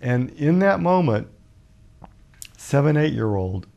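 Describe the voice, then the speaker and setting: A man in his fifties from Alabama, a guest author telling a personal story in a measured, reflective way with many pauses. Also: on the high side, big pitch swings, gravelly, a little mellow, muffled recording. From Birmingham, Alabama, USA. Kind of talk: personal storytelling in a talk show interview.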